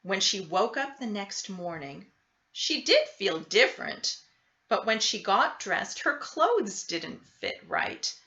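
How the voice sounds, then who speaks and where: A woman reads a children's story at a slow, measured pace. Her voice is bright and expressive, with deliberate emphasis on key words. The recording is roomy and a little dull. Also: mid-range voice. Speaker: storybook reader. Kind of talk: expressive children's picture book read-aloud. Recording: roomy, slightly dull sound.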